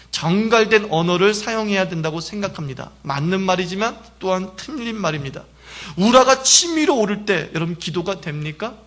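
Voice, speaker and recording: A man's voice: high-pitched, fairly bright tone. A middle-aged male pastor preaching a sermon with emphasis, now and then acting out anguished prayers. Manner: emphatic, acts out cries and prayers.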